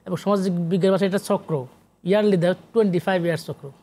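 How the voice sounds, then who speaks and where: Fairly quick and steady, with a high-pitched, warm voice, a middle-aged man with a Bangladeshi accent talks as a guest on a talk show. As an academic sociologist and literary researcher, he explains at length and emphatically, repeating phrases and dropping in English terms.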